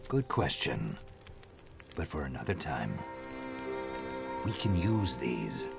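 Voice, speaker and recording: A man voicing a weathered older male hermit in a video game, gruff and wise, explaining plans in a measured way with a gravelly voice. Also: extremely low pitch, sing-song, full character voice. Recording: game audio with music behind.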